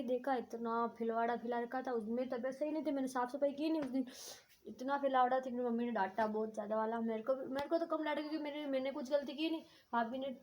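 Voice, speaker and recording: A young woman from India with a Rajasthani Hindi accent, chatting to her viewers in a casual village vlog and rambling through everyday stories. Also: high-pitched. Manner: chatty, rambling storytelling to camera. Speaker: village vlogger. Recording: noisy phone recording.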